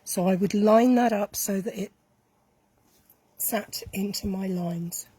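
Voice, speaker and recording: A woman, a bit croaky today, chatting her way through a hands-on craft demonstration and correcting herself as she works. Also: mid-range voice, takes it slowly, warm tone, no echo. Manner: chatty, self-correcting, talks while working with hands. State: slightly croaky voice. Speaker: craft tutorial host. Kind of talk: casual step-by-step craft demonstration.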